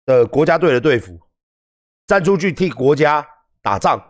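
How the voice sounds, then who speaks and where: A Taiwanese man with a Taiwanese Mandarin accent ranting on a livestream, profane and heated, swinging between calm lecturing and yelling. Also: on the high side, normal speed. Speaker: livestream host. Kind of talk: livestream rant.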